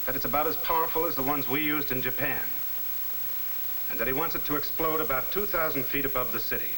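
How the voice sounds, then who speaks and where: A man's voice: medium pitch, fast, bright, forceful tone, slight background noise, lightly acted, low-quality recording. A man playing a blunt military instructor in a 1950 civil defense training film, with an American accent and slangy, scripted delivery. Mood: matter-of-fact. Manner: blunt, slangy, hard-boiled. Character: blunt, wisecracking military instructor drilling servicemen. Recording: vintage 1950 film soundtrack with music.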